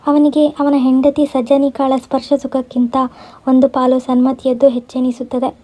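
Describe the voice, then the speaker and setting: A woman storyteller reading a scripted story in a steady, even way, in a dull lo-fi recording. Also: sits high, normal speed.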